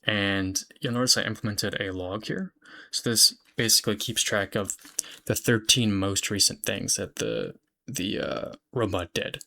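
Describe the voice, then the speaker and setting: A young man with a lowish, gravelly voice and a bright, forward edge talks through a demo of his own software. His delivery is relaxed and chatty, full of fillers and quick self-corrections, like someone showing a project off to friends. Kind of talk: casual screen-recorded software demo.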